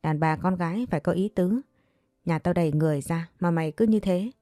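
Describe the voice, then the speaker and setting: A woman's voice: fairly low pitch, brisk, dry recording, studio quality, close to an everyday voice. A woman voicing a jealous young mistress of a household who scolds and threatens her servant. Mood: scolding. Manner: scolding, threatening, sharp-tongued.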